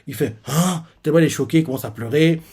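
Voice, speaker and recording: A man's voice: on the high side, racing, mellow, breathy edge. A man casually retelling a manga chapter as a reaction host, in a loose, filler-heavy way with many asides.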